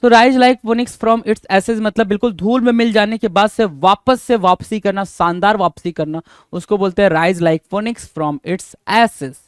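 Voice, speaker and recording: A man with a high, smooth and resonant voice teaches English idioms for an exam-prep lesson. He switches between Hindi and English and drills each phrase slowly. The sound is dry and close. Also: no room sound. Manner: asks rhetorical questions to students.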